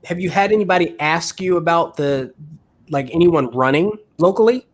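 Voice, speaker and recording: A man's voice: a little high, moderate pace. A man talking casually as a realtor and podcast host, thinking aloud with restarts. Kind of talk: casual panel talk.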